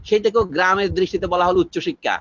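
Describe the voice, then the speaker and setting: A man's voice: high-pitched, racing, fairly bright tone, no echo, muffled recording. An older man from Bangladesh giving long, wry, discursive interview answers that drift through proverbs and remembered textbook lines. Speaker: interviewee, scholar.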